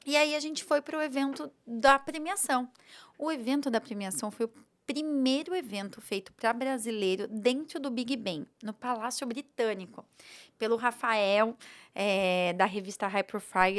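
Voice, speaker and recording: A Brazilian woman with a Brazilian Portuguese accent, a podcast guest telling her story in an animated, emotional way and quoting her own thoughts aloud. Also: a little high, normal speed.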